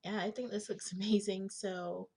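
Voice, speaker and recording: Young woman, raspy smokers voice, creaky, slangy, thinking out loud while doing a screen tutorial. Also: medium pitch, level tone, moderate pace. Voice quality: husky smoker's rasp with gravelly creak. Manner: informal, slangy, frequent throat clearing. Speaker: digital art tutorial host.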